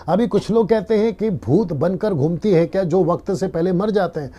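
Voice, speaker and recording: Pastor, male, mellow dark tone, live-stream sermon, earnest teacher. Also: sits high, normal speed, dull audio. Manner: earnest teaching, repeats key lines, quotes scripture.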